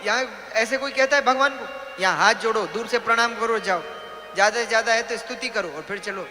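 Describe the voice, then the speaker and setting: A man's voice: high-pitched, a little fast, bright, forceful tone. A man voicing stern palace guards who order visitors to keep their distance. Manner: ordering people about. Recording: reverberant hall with music.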